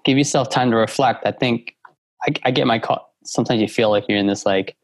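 Man, mid-pitched voice, casual advice, halting with fillers, dry close sound. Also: dry recording. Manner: halting, many fillers and restarts. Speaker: guest entrepreneur. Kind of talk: casual business chat.

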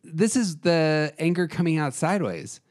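A man's voice: a little high, expressive, normal speed, noisy background. A man co-hosting a casual film discussion, narrating scenes and commenting on them. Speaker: co-host.

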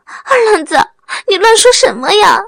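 A woman voicing a headstrong young village bride who shouts sharply and frantically. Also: very high-pitched, big pitch swings, moderate pace, gravelly, no echo, pitched above the performer's own voice, full character voice. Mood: scolding.

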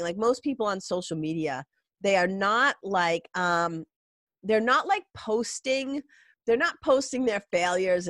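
A woman's voice: mid-range voice, fairly bright tone, no echo, clean studio sound. A middle-aged woman with a congested, nasal voice from a cold, hosting a podcast in an informal, rambling, emphatic monologue. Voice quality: stuffy, nasal. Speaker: podcast host. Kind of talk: casual solo podcast monologue.

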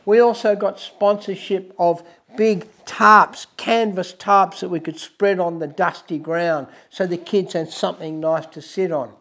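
An Australian man presenting as a wildlife host, telling adventure stories in a deliberate, emphatic, dramatic way, with music behind him. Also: high voice, steady tone, fairly bright tone.

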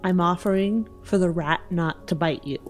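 A woman's voice: on the low side, normal speed, faint music behind. A woman playing in a tabletop game, haggling in character in a cheeky, teasing and persuasive way. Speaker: player.

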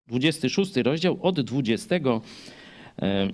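A man's voice: medium pitch, expressive, unhurried. A man preaching a chatty Bible study sermon, full of rhetorical asides and questions to the listeners.

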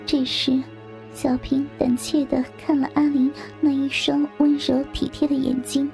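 A woman reading a scripted story aloud in a soft, half-whispered voice. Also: high voice, little pitch movement, a little slow, vocal fry, faint music behind.

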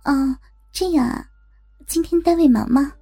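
A woman voicing a gentle young daughter-in-law, tender and coy, in an audio story. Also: high-pitched, a little slow, gravelly. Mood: soft, polite.

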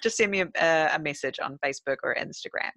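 A woman's voice: sits low, quick pace, no room sound. A middle-aged woman hosting a casual podcast interview from home, chatty and full of fillers. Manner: chatty, warm-voiced with many fillers. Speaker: podcast host.

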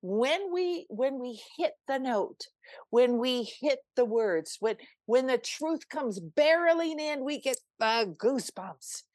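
A woman's voice: high voice, expressive, slow, darkish tone, no echo, studio quality. An older woman, a spiritual coach, telling a personal story on a podcast in an earnest, emphatic way, with frequent restarts.

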